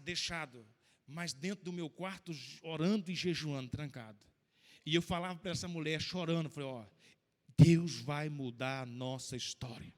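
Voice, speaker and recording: Brazilian pastor guy preaching, fairly high voice, big church reverb. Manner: emotional storytelling preacher, rising to loud, slow emphatic lines. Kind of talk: sermon. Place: church hall. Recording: long church-hall reverb.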